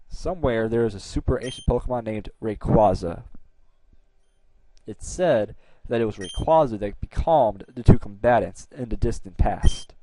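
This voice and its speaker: A man voicing a grave male former gym leader from a video game, reading slowly and solemnly. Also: on the low side, mellow, slight background noise, natural voice, poor audio.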